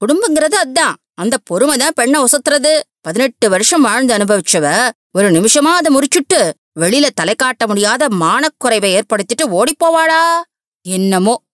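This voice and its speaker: A woman voicing an older, aggrieved mother-in-law who lectures in a high, complaining voice. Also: lively intonation, moderate pace, no room sound, clean studio sound, natural voice. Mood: scolding.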